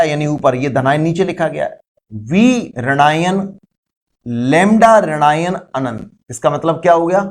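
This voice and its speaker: A man teaching a chemistry lesson, explaining step by step, asking the class questions and calling his students "beta". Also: a little high. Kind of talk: classroom lecture.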